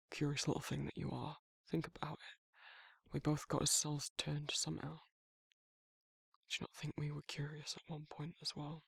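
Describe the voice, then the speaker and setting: A British man softly murmurs the part of a protective male werewolf in an intimate romantic ASMR roleplay, recorded close and completely dry, his mood fond and reflective. Though slightly high for a male voice, it crackles with fry and sounds husky, gravelly and breathy. He performs it heavily acted, halting and awkward, correcting himself in a tender, shy way.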